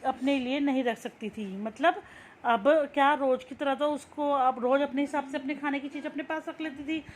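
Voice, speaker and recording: High-voiced woman explaining a story. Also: fairly even intonation, moderate pace. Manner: reads a line, then restates it in simple words. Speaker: teacher. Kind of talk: reading a textbook story aloud and explaining it.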